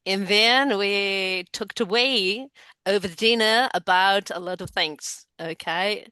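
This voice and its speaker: A Spanish-speaking woman hosts an English conversation class, introducing her guest with effusive praise. Her voice is bright and crisp. The sound is dry and close. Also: mid-range voice, takes it slowly, dry recording. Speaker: English teacher and host.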